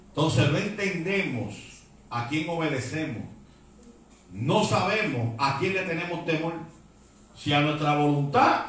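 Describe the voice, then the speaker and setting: Fervent Puerto Rican preacher, echoey hall. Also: male voice, fairly high pitch, far from the mic, slight background noise. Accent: Puerto Rican Spanish. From Puerto Rico. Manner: fervent, switches to English words. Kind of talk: Pentecostal sermon. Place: church hall.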